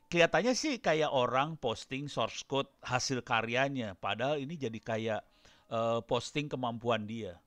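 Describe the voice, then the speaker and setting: A man's voice: medium pitch, a bit bright, no room sound. Chatty middle-aged man lecturing dryly. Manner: chatty, loose, laughs between points. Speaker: guest lecturer. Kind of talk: casual lecture with screen demo.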